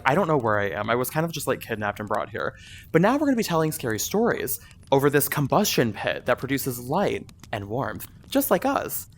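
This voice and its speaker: A man's voice: medium pitch, a little hiss or hum, low-quality recording. A man hosting a comedy show, telling a silly story in a goofy, mock-dramatic way. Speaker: host. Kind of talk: joking storytelling.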